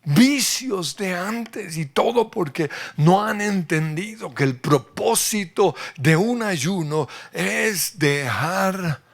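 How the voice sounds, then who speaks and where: A man preaching a sermon as a pastor, slow and emphatic, dropping often into near whispers for effect. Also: high-pitched, animated, vocal fry. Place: church.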